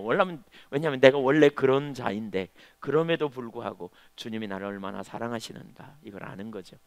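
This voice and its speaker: A middle-aged man delivers a Sunday sermon at a medium pitch, his voice climbing loud on key points and dropping low for quiet asides. He stammers a little when he hurries. The sound is close and dry, with no room echo. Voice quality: stammers when speaking fast. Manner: storytelling, swings between loud emphasis and quiet asides. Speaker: pastor. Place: church sanctuary.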